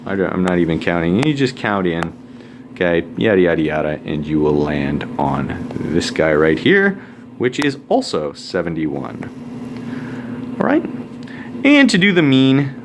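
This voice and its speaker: A man's voice: low voice, wildly swooping pitch, measured pace, background noise. A man teaching a recorded math lesson, talking casually with joking asides while he writes out formulas.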